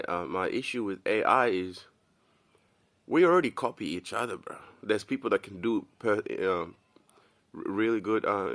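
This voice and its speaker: A man's voice: lowish voice, a bit bright. A young man from Kenya giving a loose, rambling casual monologue to camera, tossing in "bro" as he talks. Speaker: commentary video host.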